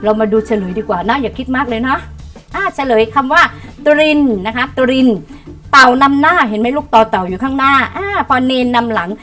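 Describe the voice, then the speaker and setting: A middle-aged woman teaching young pupils in an online lesson. She coaxes them along and reads words aloud slowly so they can repeat after her. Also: high-pitched, expressive, bright, forceful tone, soft background music. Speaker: primary school teacher.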